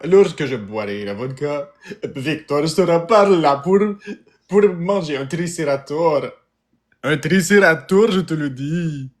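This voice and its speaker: A man putting on a mock Russian accent, speaking slowly and solemnly. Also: medium pitch, darkish tone, natural voice.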